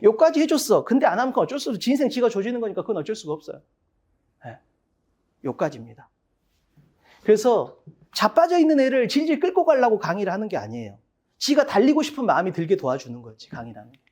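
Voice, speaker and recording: An English cram-school instructor at an info session for parents, talking bluntly and emphatically with rough slang and rhetorical questions they answer themselves. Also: mid-range voice, sing-song, fast talker, a little mellow. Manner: asks rhetorical questions, then answers them.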